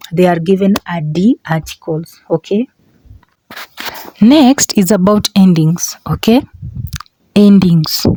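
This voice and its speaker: A woman's voice: medium pitch, dark tone, no echo, poor audio. A woman giving an online language lesson as a teacher, repeating example words and often checking in with a short question. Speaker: teacher, video host.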